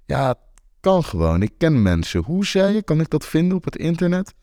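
A man voicing a brisk, businesslike young woman. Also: fairly low pitch, very animated, darkish tone, clean tone, dry recording, clean studio sound.

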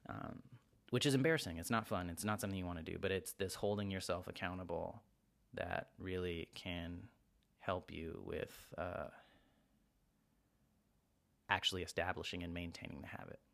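Man, lowish voice, casual self-help podcast, rambling, acts out quotes. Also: fairly even intonation, vocal fry, fairly bright tone. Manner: rambling, acts out quick quoted exchanges in a raised voice. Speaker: podcast host.

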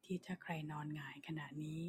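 A woman leading a slow guided body-scan meditation for sleep in a soft, breathy, near-whispering voice, soothing and unhurried, speaking in short phrases with long pauses. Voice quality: soft, breathy voice that often slips toward a whisper. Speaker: guided relaxation leader.

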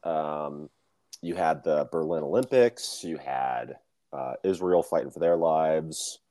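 A man's voice: very deep voice, takes it slowly, warm tone, dry recording. A young man co-hosting a casual podcast, chatting about history and joking with his co-host. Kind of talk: casual chat.

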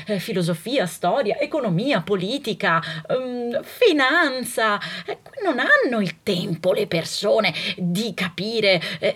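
A woman singer, delivering a theatrical, animated comic monologue. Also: mid-range voice, husky.

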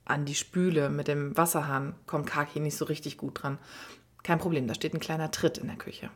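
A woman reading a children's story aloud, gently narrating and sometimes dropping to a half-whisper. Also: low voice, steady tone, brisk, husky.

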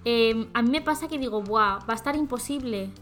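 A woman's voice: on the high side, brisk, a bit bright. A woman from Zaragoza chatting casually on a show, telling a story with a self-deprecating touch.

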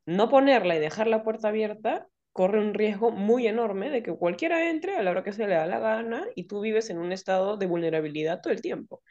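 A woman's voice: mid-range voice, fairly quick, hardly any pauses, muffled recording. A woman therapist, explaining ideas in a casual podcast conversation and often acting out quoted dialogue. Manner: explanatory, acts out quoted dialogue in lively voices.

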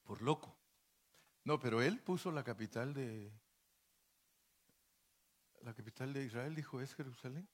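A man's voice: medium pitch, unhurried, pauses often. A male pastor preaching a sermon in a folksy, joking way, full of rhetorical questions and asides to the congregation.

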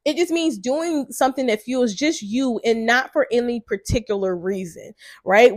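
Woman podcast host, thirties, congested, slightly high voice, dry close sound. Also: no room sound. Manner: chatty, says "like" a lot. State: congested, stuffy nose. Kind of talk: casual solo podcast chat.

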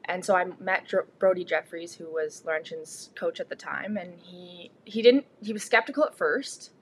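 A woman's voice: on the low side, moderate pace, slight background noise. A young woman with a Canadian accent, a student athlete answering interview questions casually as a guest. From Ontario, Canada. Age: young adult.

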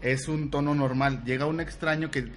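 A man's voice: a little high, fairly even intonation, moderate pace. A man co-hosting a podcast in casual chat, teasing and explaining things. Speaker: podcast co-host.

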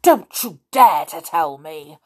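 A woman's voice: mid-range voice, sing-song, measured pace, fairly bright tone. A small teddy bear, fierce and indignant, huffs at a naughty doll, as a woman storyteller puts him on. His voice jumps about, cross but childlike, from a storybook.

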